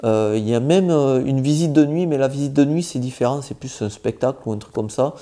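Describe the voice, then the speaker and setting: A man's voice: medium pitch, a little fast, dark tone. Chatty man with a southwestern French accent. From southwest France. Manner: chatty and informal, addresses the viewer directly, many hesitations. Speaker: travel vlogger. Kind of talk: casual travel vlog.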